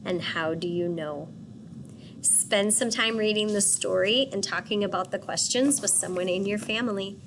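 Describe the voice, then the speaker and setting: A woman teacher reading a picture book aloud and pausing to ask children questions. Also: medium pitch, background noise. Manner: patient, asks questions for children.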